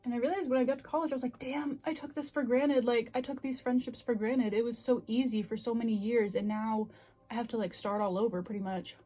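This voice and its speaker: High-voiced young woman chatting candidly. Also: fairly even intonation, fast, mellow. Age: 20s. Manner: candid, self-reflective. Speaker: vlogger. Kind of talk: casual confessional chat to camera.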